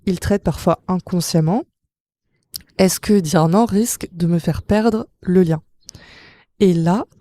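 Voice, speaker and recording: Female podcast host, warm-toned and conversational, playful asides, dry close sound. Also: mid-range voice, no echo. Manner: chatty and explanatory, with playful asides. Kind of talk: casual psychology podcast monologue.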